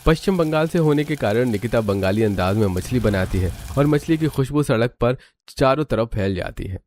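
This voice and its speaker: A man's voice: mid-range voice, animated, moderate pace, a little mellow. A man reading scripted narration for a cartoon family story. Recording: clearly noisy background.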